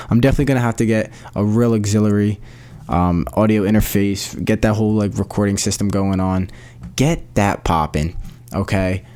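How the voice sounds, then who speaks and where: A man's voice: on the low side, a little mellow. A young man hosting a casual solo podcast, rambling with many fillers and restarts in slangy talk, recorded at home on a USB microphone. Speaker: podcast host.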